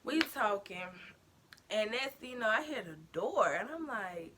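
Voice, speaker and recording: A young woman telling a storytime vlog story in an animated, slangy way, talking straight to her viewers. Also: on the high side, measured pace, a little hiss or hum. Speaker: vlogger.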